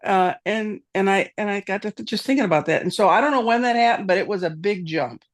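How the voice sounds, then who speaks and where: A woman in her seventies tells a story over a video call with her camera off. She sounds animated and chatty, and she talks casually. Her voice sits at a middle pitch. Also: fast talker. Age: 70s. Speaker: guest on the show.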